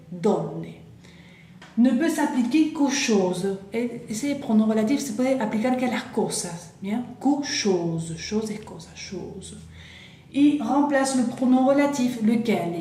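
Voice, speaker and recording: A woman teaches French grammar, walking through each point and repeating example sentences slowly. Her voice is mellow and dark-toned, and her delivery is unhurried. The recording sounds roomy and echoey, with a faint hiss behind her. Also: a little high. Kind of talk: Spanish-language French grammar lesson.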